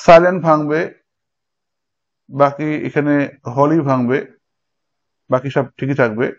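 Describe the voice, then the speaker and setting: A man's voice: fairly high pitch, unhurried. A man teaching an exam-prep lecture, explaining step by step and speaking straight to his students. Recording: dull lo-fi recording.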